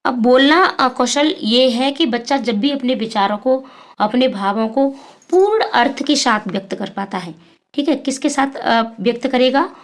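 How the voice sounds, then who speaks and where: Woman, high voice, teacher giving an exam-prep lecture; answers her own questions, lots of fillers.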